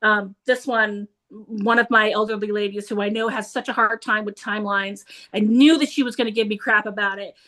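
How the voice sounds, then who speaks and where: Bright, enthusiastic woman book reviewer. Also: mid-range voice, fairly even intonation, brisk, few pauses. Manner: enthusiastic, laughing, restarts words often. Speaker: book reviewer and book club leader. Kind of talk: casual chat about books.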